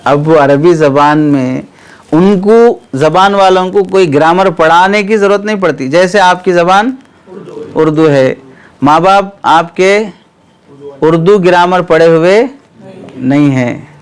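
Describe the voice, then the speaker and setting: A man teaching Arabic grammar, explaining step by step, asking students questions and often clearing his throat. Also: fairly high pitch, unhurried. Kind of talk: classroom lecture.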